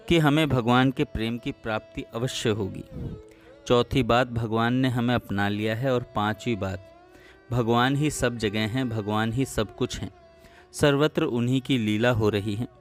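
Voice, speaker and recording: Calm man reading a devotional story. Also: medium pitch. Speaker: narrator.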